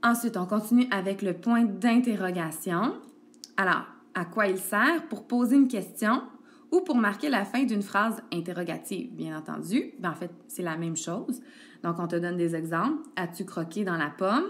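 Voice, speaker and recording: A woman teacher walks a child through a grammar lesson. She is patient and steady, full of little "ok"s and "donc"s. It is recorded on a tablet screencast. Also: medium pitch, normal speed. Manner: patient, addresses the child directly with frequent "ok" and "donc". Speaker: elementary school teacher.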